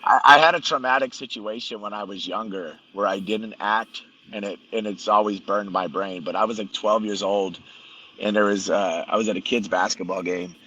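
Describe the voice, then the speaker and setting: A man's voice: fairly low pitch, moderate pace, bright, forceful tone, dull audio. A man guest telling a story in casual conversation, blunt and profane, rambling with many restarts. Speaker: podcast guest.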